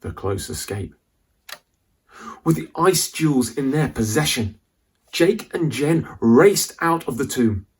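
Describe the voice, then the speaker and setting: With a husky, medium-pitched voice and lively intonation, a man reads a children's adventure tale aloud. He's a dramatic narrator who builds suspense through careful, deliberate delivery.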